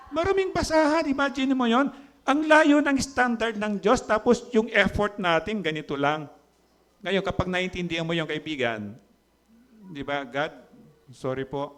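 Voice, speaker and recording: A man preaching a sermon as pastor with a Filipino accent, animated and full of rhetorical questions, slipping into English phrases. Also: high-pitched.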